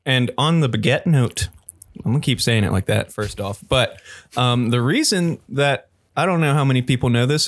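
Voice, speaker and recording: A man co-hosting a casual food tasting chat, given to rambling explanations. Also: medium pitch.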